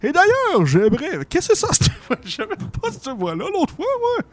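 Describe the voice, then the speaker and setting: A man's voice: very high voice, huge pitch swings, moderate pace, voice pushed up, heavily acted. A man with a Québécois accent playing a jolly old Santa Claus who teases and laughs heartily. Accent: Québécois French. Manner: hearty ho-ho laughs, playful teasing.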